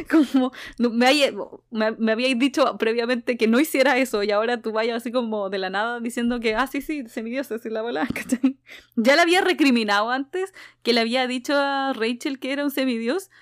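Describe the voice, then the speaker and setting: A woman with a Chilean Spanish accent hosts a casual podcast, recapping a book with plenty of laughter and lines acted out in character. Her voice sits on the high side, and she talks lively and a little fast.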